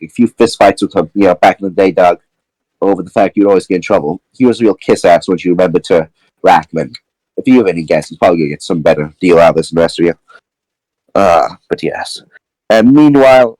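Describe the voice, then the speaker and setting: Low-voiced man running a tabletop game. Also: fairly quick, a little mellow, dry recording, rough recording. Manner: casual, rambling, many fillers. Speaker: game master.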